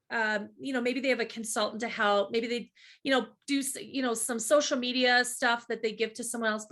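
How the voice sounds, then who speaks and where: A woman's voice: high voice, fairly bright tone. A woman hosting a podcast over a video call, affirming her guest and rephrasing her thoughts as she speaks. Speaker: podcast host. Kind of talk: interview conversation.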